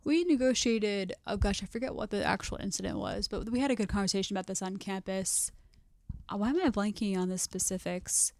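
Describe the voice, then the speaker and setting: Brief: young woman, podcast co-host, casual chatty talk, vocal fry. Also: medium pitch, a little mellow, no echo, studio quality. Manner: chatty, quick to laugh. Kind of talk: casual chat.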